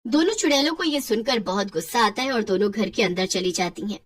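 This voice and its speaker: A woman narrating a cartoon horror story in a lively storytelling manner. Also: mid-range voice, fairly quick, slightly rough, distant mic.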